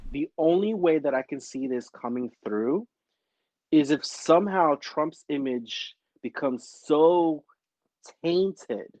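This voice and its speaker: Lively, higher-voiced man making emphatic points. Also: no room sound, highs cut off. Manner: animated, emphatic, laughs. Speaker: podcast panelist. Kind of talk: casual political podcast chat.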